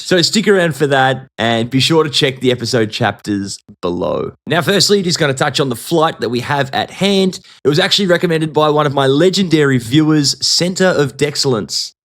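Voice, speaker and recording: A man's voice: mid-range voice, a bit bright. A man in his thirties hosting a casual solo podcast, chatty, jokey and self-deprecating. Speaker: podcast host.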